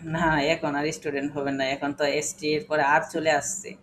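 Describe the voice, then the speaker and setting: A man's voice: on the high side, flat delivery, normal speed, a bit bright, slight background noise, poor audio. A man teaching an English class, patiently spelling words letter by letter and quizzing his students. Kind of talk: classroom lesson.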